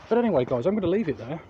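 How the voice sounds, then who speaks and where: An English man hosting a vlog walks along city streets, rambling casually to viewers with hesitation, repeated words and mid-sentence corrections. His voice sits on the high side with vocal fry and a dark tone, and the dull outdoor audio includes traffic noise.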